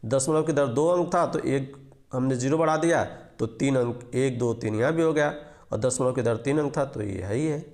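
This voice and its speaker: A man's voice: medium pitch, moderate pace, a little mellow. A man teaching basic arithmetic step by step, patiently repeating each rule and quizzing before answering. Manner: patient, repetitive, walks through each digit and asks questions before answering. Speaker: math teacher. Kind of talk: explaining an arithmetic lesson step by step.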